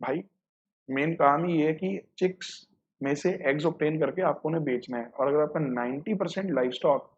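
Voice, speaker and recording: A man's voice: fairly high pitch, normal speed, breathy edge. A man tutoring accounting exam students, explaining multiple-choice answers step by step, mixing English terms in and calling his students brother. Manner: addresses students casually, calling them brother. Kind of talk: exam-prep lecture walking through multiple-choice questions. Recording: dull lo-fi recording.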